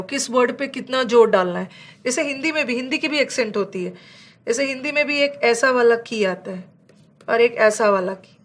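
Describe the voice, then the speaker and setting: A woman teaching an English vocabulary lesson with an Indian accent, explaining in Hindi and slowing down to read out English example sentences. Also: fairly high pitch.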